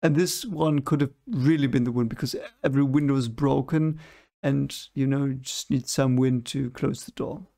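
A man's voice: mid-range voice, steady tone, moderate pace, creaky, mellow. A young man hosting a reaction video, talking casually at a desk mic and brushing off the clips as fake, now and then hunting for a word. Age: young adult. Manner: skeptical, dismissive, searches for words. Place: home room at a desk. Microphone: desk microphone in front of him.

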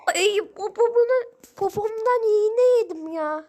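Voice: very high voice, a little slow, darkish tone, pitched above the performer's own voice. Someone voicing a whiny, crying Melon ragdoll. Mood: whining. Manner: whining and crying, dramatic. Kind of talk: playful game voice-over.

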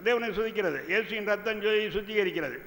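An older male pastor preaches a sermon in a voice that sits very high and rings bright. He works slowly through scripture and reads verses aloud into desk microphones. A long hall reverb trails after his words. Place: church conference stage, indoors. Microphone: two desk microphones.

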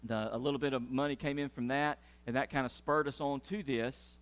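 A middle-aged pastor gives church announcements in sermon style, speaking fairly quickly at medium pitch. He talks animatedly, gesturing as he paces the stage of a large church sanctuary.

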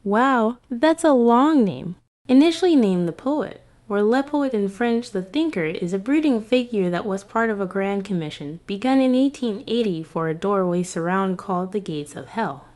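Woman playing a fancy female poodle, prim art guide, mellow voice, dry close sound. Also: mid-range voice, animated, moderate pace, dry recording, close to an everyday voice. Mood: prim, curious. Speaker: host. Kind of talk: scripted kids' art lesson.

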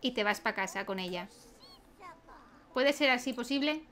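Chatty high-voiced woman gamer. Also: animated, normal speed, pushed and bright. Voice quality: chatty, laughs often, keeps asking ¿vale?. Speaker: gaming video creator. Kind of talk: let's play commentary.

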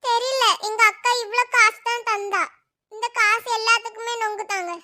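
Voice actor doing a squeaky bored little girl. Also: flat delivery, moderate pace, pushed and bright, no room sound, clean studio sound, full character voice. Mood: chatty. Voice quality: high, pitch-shifted childlike voice. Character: young girl, restless and chatty. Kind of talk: cartoon voice acting.

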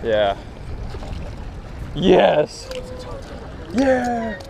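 A young man giving casual, excitable fishing commentary in slangy, exclamatory phrases. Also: sits high, very slow, vocal fry, a crowd in the background. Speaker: fishing vlogger. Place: outdoors on a rocky jetty by the water. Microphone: action camera worn on the body. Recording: noisy outdoor action camera by water.

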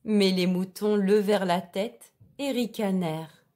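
A woman reading a children's storybook aloud in a clear, expressive way. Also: medium pitch, a little slow.

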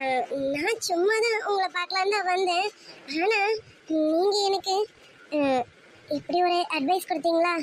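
A woman's voice: very high voice, steady tone, moderate pace, slight background noise. A woman voicing a flustered, playful young woman in love, pleading and fretting in an amateur audio romance story.

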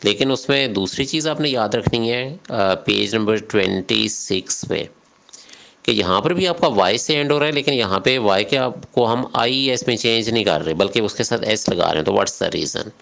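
Man, low voice, gravelly, patient grammar lecture, mixes English into Urdu. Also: lively intonation, normal speed, a bit bright. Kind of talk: classroom lecture explaining rules.

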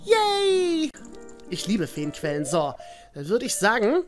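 A woman's voice: fairly low pitch, expressive, moderate pace. Lady playing a video game and chatting to her viewers, voice bouncing up and down a lot, game music going underneath. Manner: chatty, addresses viewers as "ihr Lieben", mild swearing at enemies. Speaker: let's player.

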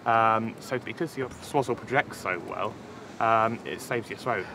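A man's voice: lowish voice, unhurried. A man in his thirties, a puppeteer casually explaining his craft in an interview outdoors. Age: 30s. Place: outdoors on a seaside beach. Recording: outdoor ambient noise.

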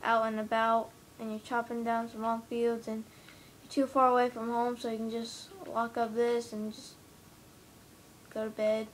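A woman's voice: on the high side, level tone, moderate pace, a little hiss or hum. A woman gives a casual, rambling tour of her game build from her room at home, filming the TV with a handheld camera and filling her talk with hesitant "um"s and "uh"s. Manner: rambling, hesitant, many fillers. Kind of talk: casual gameplay walkthrough. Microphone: handheld camera filming the TV screen.

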